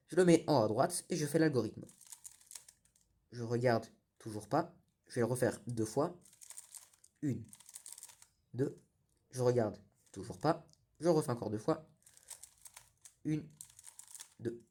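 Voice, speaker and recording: A man's voice: mid-range voice, mellow. A young man giving a patient step-by-step tutorial, often correcting himself. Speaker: cubing tutorial host.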